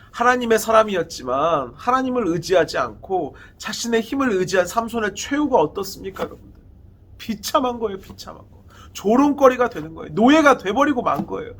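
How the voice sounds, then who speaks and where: A man's voice: sits high, a bit bright. A man giving a sermon to a youth group, retelling a Bible story dramatically and asking his listeners questions. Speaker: youth pastor.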